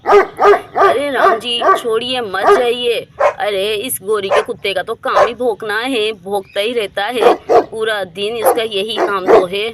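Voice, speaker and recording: A woman's voice: a little high, slow pace, heavy background noise. Woman voicing a grumbling neighbor woman. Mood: dismissive. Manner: dismissive, complaining.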